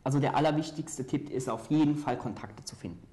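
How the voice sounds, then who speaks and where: A young man from Saarland, a student mentor, explaining calmly as a guest in a studio interview. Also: medium pitch, fairly quick. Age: young adult. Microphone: lapel mic.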